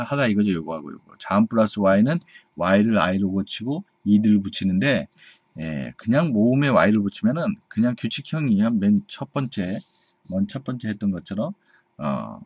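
A man's voice: on the low side, darkish tone, no room sound. A man giving a patient English grammar lesson, repeating points and checking in with his students. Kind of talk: explanatory classroom lecture. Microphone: camera mic at a desk.

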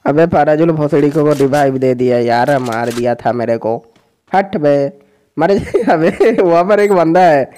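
A man, a gaming YouTuber, giving excited, crude-slang commentary as he cheers on his teammates during a match. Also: fairly high pitch, a little slow. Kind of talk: excited live gameplay commentary.

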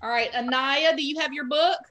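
A woman's voice: high-pitched, fairly even intonation, brisk, pushed and bright. A woman teaching an online pre-K class, giving patient, encouraging prompts over a video call.

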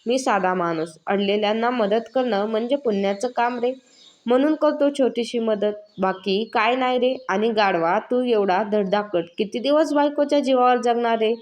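A woman's voice: a little high, normal speed, a little mellow, natural voice. A woman voicing a scheming, lecherous male village moneylender in a spoken story, menacing and coaxing. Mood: sly friendly. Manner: menacing, coaxing then threatening.

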